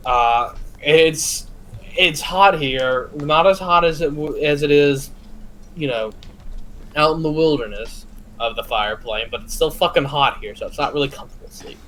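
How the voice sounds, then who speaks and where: A man's voice: fairly high pitch, normal speed, a bit bright, a little hiss or hum, rough recording. Man narrating a tabletop game, profane. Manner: loose, profane, trails off and restarts. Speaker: game master.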